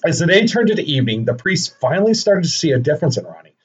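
A man's voice: on the high side, very animated, racing, slightly rough. Profane jokey young man telling stories. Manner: profane, jokey asides, frequent laughs. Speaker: podcast host. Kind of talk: casual comedic storytelling. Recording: dull lo-fi recording with faint noise.

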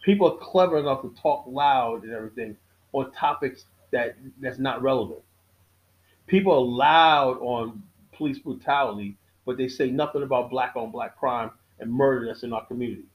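On his own podcast, a middle-aged host talks in a relaxed, sermonizing monologue, hammering home key lines through repetition and often stopping to start over. He speaks in a mid-range voice, and the audio has its highs cut off.

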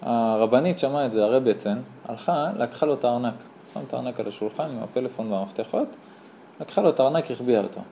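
A man, a rabbi, teaching a lively Torah class to a small live audience, telling stories, acting out dialogue and asking his listeners rhetorical questions. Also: mid-range voice, vocal fry, a little hiss or hum. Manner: animated storyteller who acts out dialogue.

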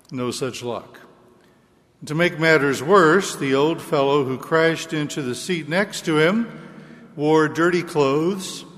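A man speaking as a priest at a church service, measured and liturgical, his voice carrying a long cathedral echo. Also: a little high, fairly bright tone. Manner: slow, measured delivery. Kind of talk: liturgical chanting, Gospel reading and homily. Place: large reverberant church.

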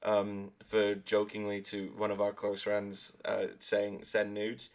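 Podcast co-host: man, low gravelly voice, loose and sweary. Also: monotone, slow, a little mellow. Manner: sweary, rambling, with laughing asides. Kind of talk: casual chat.

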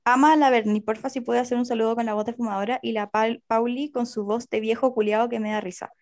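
A woman's voice: on the high side, steady tone, fast talker, darkish tone. A young Chilean woman co-hosting a podcast, chatting playfully and reading listener messages aloud. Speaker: podcast co-host.

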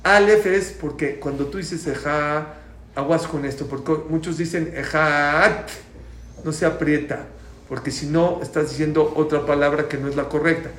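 A man with a fairly high voice speaks at a moderate pace while teaching a prayer class, explaining points and quizzing his students. He is lively, puts questions to the class, and repeats key points loudly. The room is echoey, with faint background noise.

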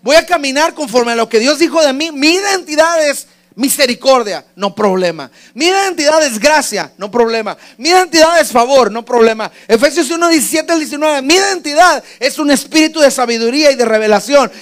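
Man, preacher, fervent sermon, high-pitched, repetitive declamation. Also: expressive, a little fast, few pauses, a bit bright. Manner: fervent, declamatory, repeating phrases.

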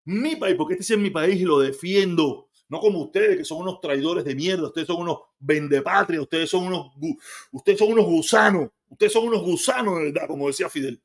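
A man's voice: fairly high pitch, a little fast. A man with a Cuban accent, ranting on a live stream and reading chat comments in a heated, profane, mocking way, often repeating his phrases. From Cuba.

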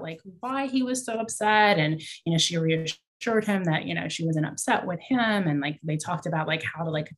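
Lower-voiced woman, school founder, animated and chatty, with frequent laughter. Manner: animated, chatty, laughs often, many fillers. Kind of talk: casual conversation.

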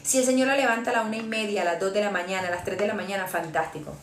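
A woman's voice: mid-range voice, racing. A woman preaching a sermon with fervor, taking on the voice of the Lord in quoted passages. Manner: fervent, voicing the Lord's words in quotes. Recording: echoey room with music behind.

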